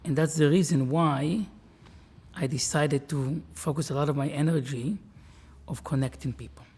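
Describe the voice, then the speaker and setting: A man speaks as a rabbi in an interview, sharing his outlook in an earnest, measured way. His voice sits a little high for a man and has a husky, breathy grain. He sometimes restarts a phrase as he searches for words. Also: steady tone, a little mellow. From Israel. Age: 40s. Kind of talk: interview, reflective talk.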